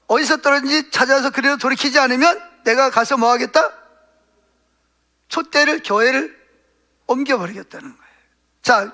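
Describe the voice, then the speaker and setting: A male pastor preaching a sermon, putting questions to the congregation and answering them himself, and acting out quoted prayers in a softer voice. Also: very high voice.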